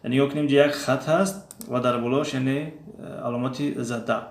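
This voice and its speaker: A man in the middle pitch range teaches a lesson at an unhurried pace. His voice has a gravelly edge, and he says each drill word aloud again and again. The recording carries the echo of a bare room. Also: fairly even intonation. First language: Tajik. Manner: slow, repeats drill words aloud. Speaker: language teacher. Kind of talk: explaining a lesson.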